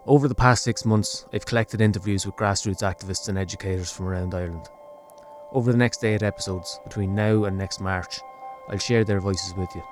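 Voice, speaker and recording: A man narrating a scripted documentary podcast in a measured, serious way. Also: on the low side, steady tone. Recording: music behind the narration. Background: music.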